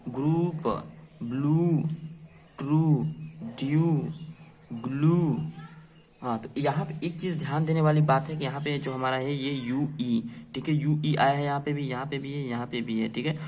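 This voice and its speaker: A man's voice: mid-range voice, fairly even intonation, brisk, few pauses, slight background noise. A man teaching an English phonics lesson to children, asking and answering his own questions and spelling words letter by letter.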